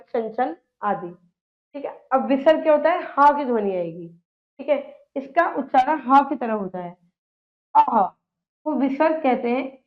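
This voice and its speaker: A woman teacher giving a grammar lesson, asking her own questions and answering them, often checking in with "okay" and reciting letters slowly and with emphasis. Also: high voice. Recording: dull lo-fi recording.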